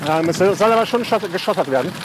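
Guy bantering on a bike ride, kinda high voice, loud wind and rain. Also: lively intonation, fast talker. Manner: joking, laid-back banter. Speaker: experienced gravel rider. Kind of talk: casual chat while cycling. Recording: loud outdoor wind, rain and traffic noise.

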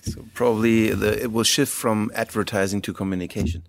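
A man hosts a conversational interview. His voice sits on the low side as he poses questions and adds his own remarks. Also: steady tone, a little fast, creaky.

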